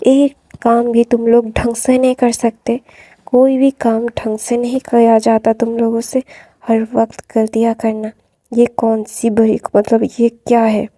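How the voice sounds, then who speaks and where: A woman voicing a protective, commanding young man in a storytelling recap, hushing and soothing. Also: a little high, little pitch movement, unhurried, no room sound. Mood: scolding. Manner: hushed, soothing.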